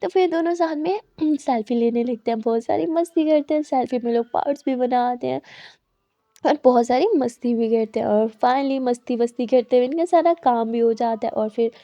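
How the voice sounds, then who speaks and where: A woman's voice: fairly high pitch, brisk, dark tone, dry recording. A woman narrating a love story in a chatty, casual storytelling manner, in a dull lo-fi recording. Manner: chatty, narrates in simple running sentences.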